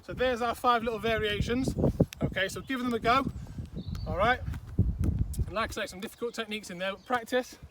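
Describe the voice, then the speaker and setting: A man's voice: very high-pitched, a little fast, pauses often. A man coaching a football drill outdoors, explaining and demonstrating with frequent "okay" and "all right". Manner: instructive, repeats okay and all right often. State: out of breath at times. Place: outdoor pitch. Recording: distant mic, outdoor noise.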